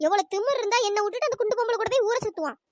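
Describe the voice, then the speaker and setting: A performer voicing a furious jealous wife in a cartoon, scolding and name-calling, with a pitch-shifted voice. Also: very fast, no room sound, studio quality. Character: furious jealous wife chasing her cheating husband. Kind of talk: cartoon comedy voice acting.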